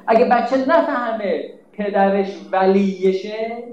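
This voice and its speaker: High-pitched guy preaching, scolds a lot, lots of rhetorical questions, echoey room. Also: a little mellow, dull audio. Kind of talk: religious sermon.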